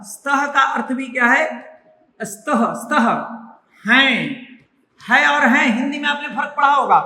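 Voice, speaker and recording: High-voiced man teaching in an echoey room. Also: bright, forceful tone. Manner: repeats words and asks questions to students. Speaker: Sanskrit teacher. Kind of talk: classroom lesson explaining grammar. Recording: echoey room with long reverb, faint noise.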